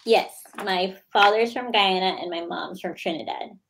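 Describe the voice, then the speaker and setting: A woman in her thirties with an American accent, speaking as a guest over a video call in a plain, steady way. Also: mid-range voice, moderate pace, creaky, a little hiss or hum, low-quality recording. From United States. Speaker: guest, lawyer. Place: small indoor room. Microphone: video call webcam.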